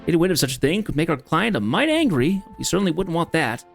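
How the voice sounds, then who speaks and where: Guy doing a sly smuggler, folksy drawl-ish talk, pitch a bit up. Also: sing-song, fast, creaky, faint music behind. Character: mercenary male smuggler, sly and money-minded.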